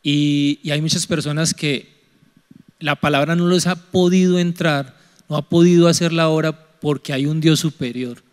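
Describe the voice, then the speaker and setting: A man taking part in a church youth discussion, speaking in a measured, soft way with frequent restarts. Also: a little high, steady tone, clean tone. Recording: long hall reverb.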